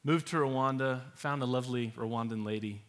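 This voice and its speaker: A young man hosts a casual church talk, walking through maps and photos on his slides. His medium-pitched voice moves at a moderate pace, and he stays relaxed, laughs easily and uses many fillers.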